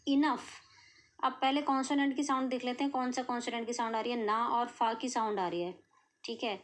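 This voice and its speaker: A woman's voice: on the high side, fairly even intonation, a little fast. An Indian woman teaching shorthand step by step, patiently checking that her students follow. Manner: patient, checks in often with "clear?" and "okay". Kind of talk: explaining a lesson step by step.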